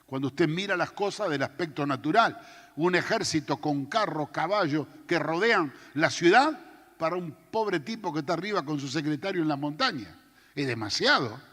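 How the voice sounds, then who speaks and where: Dramatic preacher in a reverberant church. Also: male voice, fairly high pitch, expressive, normal speed, sharp tone. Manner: dramatic, acts out the scripture. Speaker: pastor. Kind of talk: sermon. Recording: long church hall reverb.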